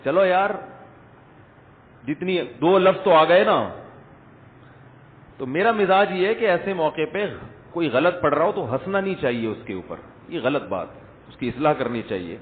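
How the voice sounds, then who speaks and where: A man's voice: a little high, animated, long pauses. A man giving a Friday sermon lecture, conversational, full of rhetorical questions and light jokes, recorded in a large echoing hall through the speaker system. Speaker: religious scholar. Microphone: speaker system mic. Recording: echoey hall over tinny lo-fi line.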